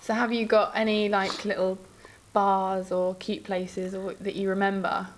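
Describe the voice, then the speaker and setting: A woman's voice: medium pitch, level tone, unhurried, a little hiss or hum. Bubbly woman interviewer. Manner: bubbly, gushing, enthusiastic. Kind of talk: casual interview chat.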